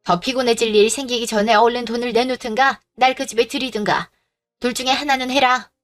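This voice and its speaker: A woman's voice: on the high side, fairly even intonation, fairly quick, faint music behind, close to an everyday voice. A woman voicing a pushy, greedy middle-aged mother-in-law who scolds and makes demands, in a storybook drama reading. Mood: scolding.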